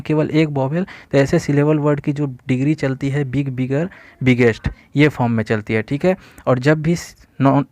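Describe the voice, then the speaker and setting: Male tutor, mid-pitched, dry close recording, patient step-by-step explainer. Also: no room sound. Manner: steady explanatory teaching, addresses viewers as friends, frequent "theek hai" check-ins. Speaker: exam-prep teacher. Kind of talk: explaining English grammar quiz answers.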